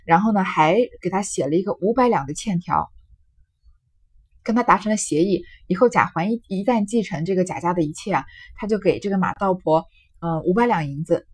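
A woman with a husky, slightly breathy voice explains a classic novel to listeners. She talks in a relaxed, conversational way, padding her sentences with soft fillers and drawn-out particles as she retells and comments on the story. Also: on the low side.

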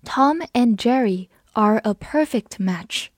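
A woman with a slightly high voice teaching English vocabulary to Chinese speakers. She spells each word out letter by letter and reads the example sentences slowly and clearly. The sound is close and dry, with no room echo. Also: expressive. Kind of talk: scripted vocabulary lesson.

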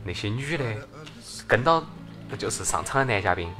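A man's voice: fairly low pitch, expressive, normal speed. A man with a Sichuanese accent hosting a casual chat in a joking, teasing way. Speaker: talk show host. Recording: prominent music behind the talk. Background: music.

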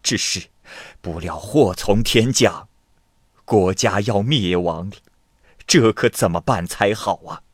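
A man voicing an old king who laments slowly through tears. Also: on the low side, slightly rough, no room sound, studio quality. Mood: lamenting. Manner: slow, sobbing lament. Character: tearful old king, weak and despairing.

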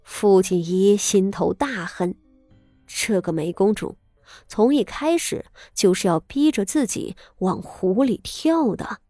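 A woman narrates a serialized story in a mellow, warm voice. Her reading is dramatic and expressive, with tense pauses. The sound is dry and close, with soft music underneath. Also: medium pitch, no room sound. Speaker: audiobook narrator.

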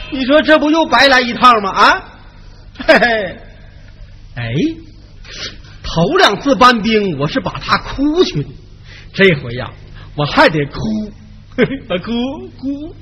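A man's voice: sits high, bright, forceful tone, big-room sound, a little hiss or hum, full character voice, low-quality recording. A man playing a blustering comic general who wails and jokes in a folk stage comedy. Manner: boisterous, wailing, joking. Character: blustering comic male general, sobbing for help. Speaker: errenzhuan comic performer.

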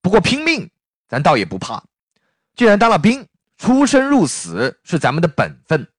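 A man voicing a plain-spoken common soldier who urges loudly, as a storyteller. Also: high voice, huge pitch swings, normal speed, breathy edge, no echo, clean studio sound, pitched above the performer's own voice, full character voice. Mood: urging.

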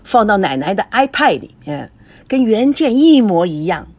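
A kind, evasive young grandson in an audiobook, read by a woman. His lines come out light and casual in a middle-pitched, husky voice. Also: sing-song, moderate pace, a little mellow, dry recording.

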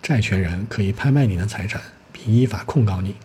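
A man's voice: on the low side, fairly quick, a little mellow, a little hiss or hum, close to an everyday voice. A man doing a smug, bureaucratic police clerk. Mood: official.

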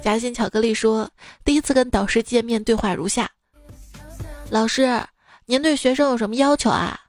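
Woman host reading jokes, kinda high voice, playful, light music behind. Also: normal speed. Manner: playful, laughs often, acts out quoted lines. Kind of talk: lively read-aloud of funny stories with music.

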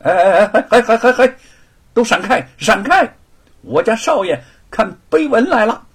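A man voicing a swaggering young male servant who shouts and bullies, with a husky voice. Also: high-pitched, expressive, unhurried, voice pushed up, heavily acted. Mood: blustering.

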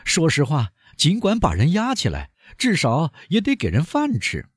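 A man's voice: on the high side, huge pitch swings, normal speed, breathy edge, no room sound, studio quality, voice pushed up, full character voice. A man voicing a pampered middle-aged banker held captive, pleading and wheedling for food. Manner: wheedling, pleading and put-upon.

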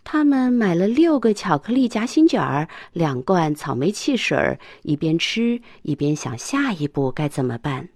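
Animated woman reading a children's story. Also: lowish voice, normal speed, hardly any pauses, no echo. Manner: expressive, animated.

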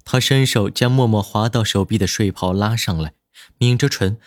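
A man narrating a romance audiobook in an expressive, storytelling manner at a close studio mic. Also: on the low side, normal speed, no echo. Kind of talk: scripted dramatic narration.

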